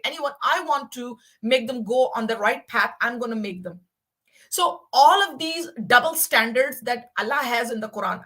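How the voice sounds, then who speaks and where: A woman's voice: high voice, sharp tone. A woman in her forties talking passionately on a livestream, emphatic and repeating herself for weight. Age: 40s. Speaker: livestream guest. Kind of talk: casual livestream chat.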